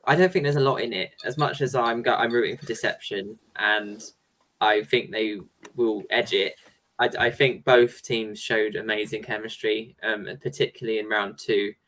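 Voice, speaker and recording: Bright-voiced male podcast co-host. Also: on the low side, fairly even intonation, normal speed, low-quality recording. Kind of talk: casual panel chat.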